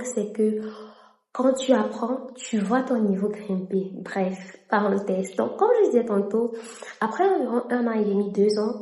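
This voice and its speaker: This young woman from Cameroon, a native French speaker, has a dark-toned, mid-range voice. She's a vlogger and interpreter recounting her story on camera in a relaxed vlog, drifting into English mid-sentence, and the recording has an echoey room sound.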